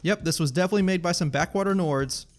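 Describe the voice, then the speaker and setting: A man's voice: sits high, fast talker. Wry man narrating gameplay. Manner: wry, joking asides. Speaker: gaming YouTuber.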